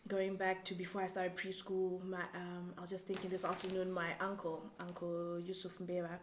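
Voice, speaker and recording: A young woman from Zambia, whose first language is Tumbuka, answering interview questions in a thoughtful, halting way with many restarts. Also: on the low side, completely flat delivery. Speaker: guest. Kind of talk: casual interview. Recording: echoey room, faint background noise.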